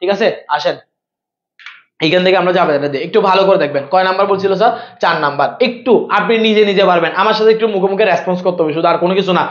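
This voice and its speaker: A man's voice: high-pitched, dull audio. A man teaching an accounting class live online, firing off questions and repeating himself. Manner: rapid-fire, repeats himself and quizzes students.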